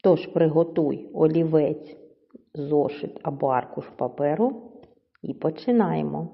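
A woman with a low voice gives a children's lesson at an unhurried pace, drawing words out syllable by syllable. Her patient voice carries a long reverb and a dull, lo-fi sound. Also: gravelly. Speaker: teacher.

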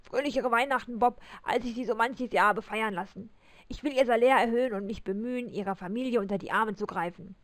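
A woman's voice: a little high, a little fast, no room sound, natural voice. Woman doing a grumbling old miser, mock-stern, storybook reading. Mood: mock-gruff. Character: gruff old miser turned kindly, male.

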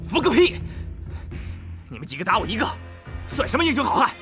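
A stubborn young country lad with a high voice that leaps about. He shouts his defiance over a loud film score. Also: sing-song, very fast, music in the background. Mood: defiant, furious. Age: young adult. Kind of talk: dubbed martial-arts film acting.

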